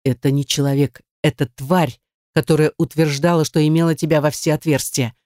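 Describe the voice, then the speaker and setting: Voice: mid-range voice, fairly even intonation, a little fast, darkish tone, no room sound, clean studio sound, natural voice. An audiobook narrator voicing a domineering, jealous man who speaks sternly and growls. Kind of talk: audiobook dialogue.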